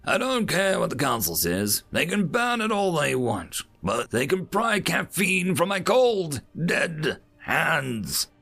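A man voicing a calm human crewman who answers in a dry, laid-back way. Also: fairly high pitch, takes it slowly, gravelly, faint music behind, pitched above the performer's own voice, heavily acted. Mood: defiant. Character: calm, wry human crewman among aliens.

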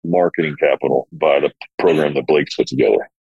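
A man's voice: rumbling low, fairly even intonation, a little fast, a little mellow, slightly rough, no room sound, highs cut off. A man speaking as a business owner in a casual interview, emphatic and folksy, often repeating words.

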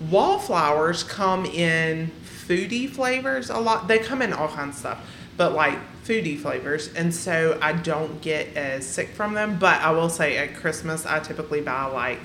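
A woman's voice: low-pitched, expressive, unhurried, a bit bright, a little hiss or hum. A woman co-hosting a podcast, chatting casually and filling her talk with "like" and "um.". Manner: chatty, filler-heavy with frequent "like". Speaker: podcast co-host. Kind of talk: casual chat. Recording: roomy echo.

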